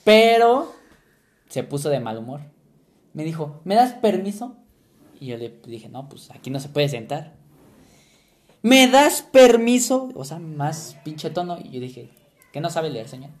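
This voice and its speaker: A man's voice: a little high, animated, normal speed. A young man with a Mexican accent, telling stories in a casual chat full of crude slang. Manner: crude slang-heavy storytelling.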